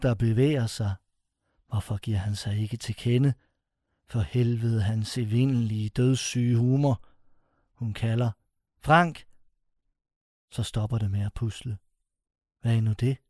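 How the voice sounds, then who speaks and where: A man reads a scripted horror story aloud, with a dark, mellow voice and a close, dry studio sound. His delivery is suspenseful, and he slows down to let the dramatic phrases land. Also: mid-range voice, dry recording. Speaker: narrator.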